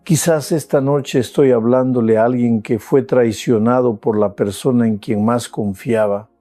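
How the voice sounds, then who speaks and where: An older male pastor delivers a sermon in an unhurried, deliberate cadence, leaning on long pauses and swells of emphasis. His tone is dark and mellow. The voice sits close and dry, with soft music underneath. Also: mid-range voice, fairly even intonation, no room sound. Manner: slow, measured preaching with dramatic pauses and rising emotional emphasis.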